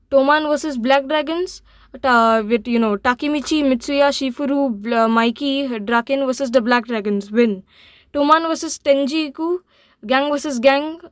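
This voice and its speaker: Woman, high voice, halting read-through full of ums and restarts, dry close sound. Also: no echo. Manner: halting, frequent fillers and restarts. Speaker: anime channel host. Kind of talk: reading a scripted manga summary.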